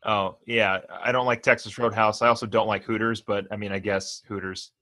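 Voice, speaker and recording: 低沉明亮的男声，说话迟疑. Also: male voice, fairly low pitch, flat delivery, fairly quick, sharp tone. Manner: hesitant, stumbles over words. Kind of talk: casual podcast chat.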